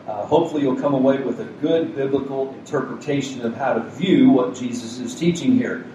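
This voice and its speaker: This male pastor has a warm, soothing, medium-pitched voice and preaches a sermon in a conversational style with light jokes. Recorded from a distance in a community center meeting room, he sounds very echoey and set back from the mic, with faint noise and the low hum of a cooling unit underneath.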